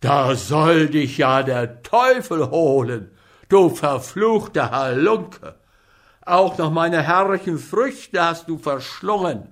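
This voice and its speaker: A man doing a roaring older pharmacist, loud, gravelly, slow outbursts. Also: a little high. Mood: furious. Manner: loud, shouting and outraged. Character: furious, blustering older male pharmacist.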